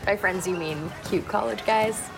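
A woman's voice: mid-range voice, measured pace, creaky, music in the background, poor audio. A young woman playing a blunt, confident, teasing best friend in a TV drama. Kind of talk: television drama acting.

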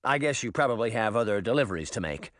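A man's voice: on the low side, expressive, fast talker, fairly bright tone, no echo, clean studio sound. A man reading the lines of a casual, easygoing uncle in an audiobook. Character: relaxed easygoing uncle, middle-aged man.

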